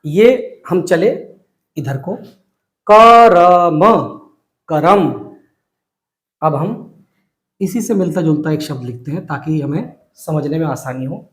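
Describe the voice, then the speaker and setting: Male Hindi teacher, high-pitched, patient syllable drills, roomy echo. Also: lively intonation, mellow. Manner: slow, repetitive drilling of syllables. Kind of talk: whiteboard reading lesson.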